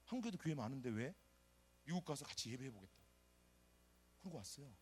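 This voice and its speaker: A middle-aged man from South Korea, a pastor preaching a sermon and telling his own story, animated and acting out the people he quotes. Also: medium pitch, quick pace, slightly rough. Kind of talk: sermon with personal testimony.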